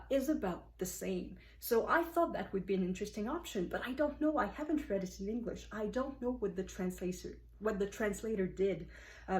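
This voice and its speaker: Female book vlogger, casual review talk, explanatory, lots of fillers. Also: mid-range voice. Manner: thoughtful, explanatory, frequent uh and um fillers.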